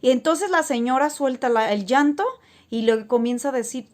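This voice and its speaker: A woman talks casually to camera, spinning stories for her viewers. Her voice sits slightly high, and she rambles along with plenty of fillers and false starts. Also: normal speed, a little mellow. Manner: rambling, frequent filler words and restarts. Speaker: spiritual vlogger.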